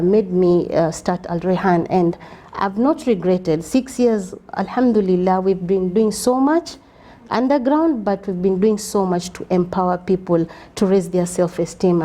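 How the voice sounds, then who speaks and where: A woman's voice: mid-range voice, dark tone. A Kenyan woman in her thirties, a guest on a talk show, telling her story earnestly with a few Swahili words mixed in. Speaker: guest, community organization founder.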